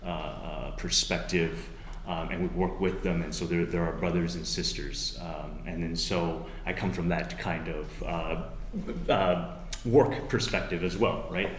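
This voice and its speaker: Panelist, male, lowish voice, hesitant delivery, echoey room with faint hum. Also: steady tone. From born in Hong Kong, raised in Toronto. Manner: halting, many fillers and restarts. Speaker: panelist, human rights lawyer. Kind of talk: panel talk. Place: university roundtable room.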